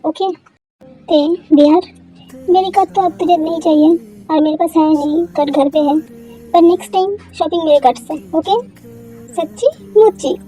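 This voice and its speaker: A woman with a very high voice but a dark, mellow tone reads a fan-made love story aloud. She voices all the characters' playful bickering herself, in a casual, chatty way. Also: steady tone, normal speed, faint music behind, rough recording.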